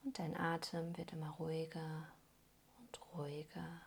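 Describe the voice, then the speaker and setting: A hypnosis guide leads a soothing meditation aimed at weight loss, her lowish voice husky and calm. She talks very slowly, pausing between gentle instructions, and her soft phrases often drop into creaky, breathy near-whispers over a slight hiss or hum.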